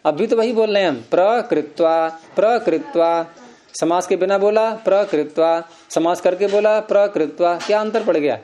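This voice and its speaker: A man's voice: high voice, quick pace, few pauses, a little mellow. A man teaching Sanskrit grammar, explaining step by step and quizzing his students with questions. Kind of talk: classroom lecture.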